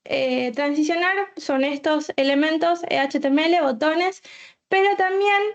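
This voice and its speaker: A woman's voice: sits high, unhurried, muffled recording. A woman from Argentina with an Argentine Spanish accent, a full stack developer giving a tech talk, hesitant and full of filler sounds.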